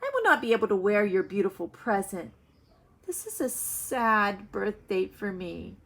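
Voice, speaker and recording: A woman's voice: medium pitch, big pitch swings, a little slow, gravelly, fairly bright tone, full character voice. A woman voicing an earnest, exclamatory male toad in a children's storybook read-aloud. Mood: glum. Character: Toad, sad then excitable male toad friend.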